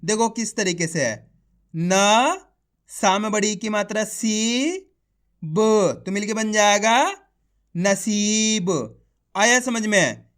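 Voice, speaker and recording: A male Hindi teacher speaks extremely slowly, sounding out one syllable at a time before joining them into the full word. He talks to viewers as friends and gives simple, encouraging instructions. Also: high voice, a bit bright. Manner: sounds out each syllable, then blends it into the word. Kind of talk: slow syllable-by-syllable reading lesson.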